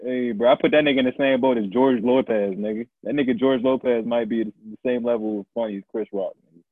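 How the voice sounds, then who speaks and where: A man in loud, opinionated, ribbing banter, talking in profane slang in a casual debate. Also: mid-range voice, steady tone, quick pace, no room sound. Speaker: podcast co-host. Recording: muffled, dull radio-like sound.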